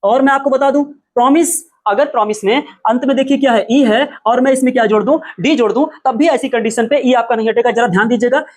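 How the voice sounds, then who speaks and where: A man's voice: very high-pitched, fast, hardly any pauses. A man teaching an English spelling lesson, who asks his own questions, answers them and repeats every point. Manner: spells out words letter by letter.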